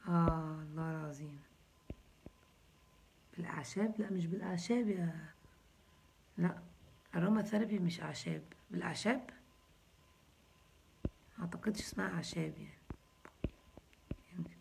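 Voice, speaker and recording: A woman's voice: on the low side, fast talker, vocal fry, long pauses, background noise. A woman in her thirties with an Egyptian accent, hosting a casual live chat and answering viewers with jokes and teasing. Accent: Egyptian Arabic. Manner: joking, teasing, chatty. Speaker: host answering viewers' comments.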